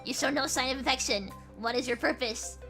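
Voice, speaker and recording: A woman reading a story aloud and voicing a stiff, formal male sniper turret in a flat robot voice. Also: high voice, fairly quick, faint music behind. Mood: flat mechanical.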